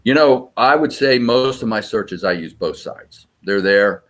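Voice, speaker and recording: A man with a fairly low voice explains search techniques step by step. He talks in a practical, measured way, like an instructor answering questions. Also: lively intonation. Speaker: sonar search trainer. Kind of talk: interview answers.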